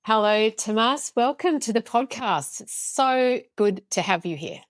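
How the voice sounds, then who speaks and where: A woman's voice: fairly high pitch, expressive, a little slow, loud music behind the voice. A woman hosting a podcast interview, speaking in an enthusiastic, upbeat way. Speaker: podcast host.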